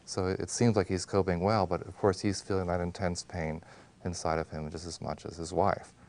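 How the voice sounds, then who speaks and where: A man speaking as a grief specialist in a documentary interview, explaining in a measured way. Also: low voice, flat delivery, gravelly, darkish tone.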